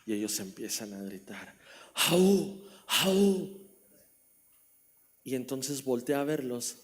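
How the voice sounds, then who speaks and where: A man's voice: medium pitch, normal speed, darkish tone. A man with a Mexican Spanish accent preaching a sermon as pastor, telling a story and asking the congregation questions. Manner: storytelling, repeats phrases, asks the congregation questions. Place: church hall.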